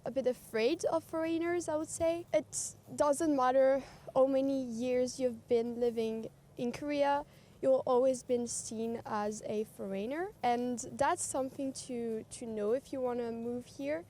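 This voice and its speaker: Sex: woman. Style: street interview. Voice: high, mellow. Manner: earnest, some "um"s. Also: fairly even intonation, unhurried.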